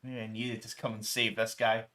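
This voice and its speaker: A man's voice: lowish voice, little pitch movement, normal speed, pushed and bright. A man casually talking through his strategy game session, rambling with frequent ums and restarts. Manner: rambling, many ums and restarts, mild swearing substitutes. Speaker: gaming streamer. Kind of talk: casual gameplay commentary.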